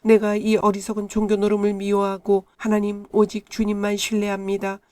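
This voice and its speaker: Woman reading scripture in a flat, mellow voice. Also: mid-range voice, dry recording. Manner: calm, measured reading. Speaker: Bible reader.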